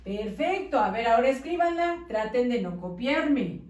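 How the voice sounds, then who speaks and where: A woman teaching young children to read and write, dictating slowly and praising them patiently in a sing-song manner. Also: fairly high pitch, lively intonation, darkish tone, muffled recording. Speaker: primary school teacher. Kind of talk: slow children's dictation lesson. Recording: roomy, slightly distant mic.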